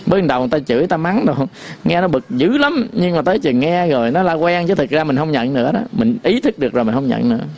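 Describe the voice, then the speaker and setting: A man giving a Buddhist sermon, folksy and repetitive, sometimes chanting verse lines slowly. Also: a little high, sing-song, a little mellow. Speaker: Buddhist teacher.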